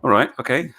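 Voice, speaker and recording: Hosting a casual live stream, a middle-aged Englishman takes viewer questions and answers haltingly, restarting often and chuckling frequently. His tone is sharp.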